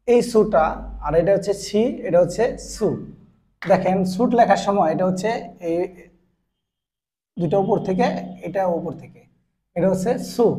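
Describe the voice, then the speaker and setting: Man, Bangladeshi Bengali accent, teacher, high voice, mellow tone, slow drilling repetition. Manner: slow and repetitive, drilling each syllable twice. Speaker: Japanese teacher. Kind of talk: step-by-step classroom explanation.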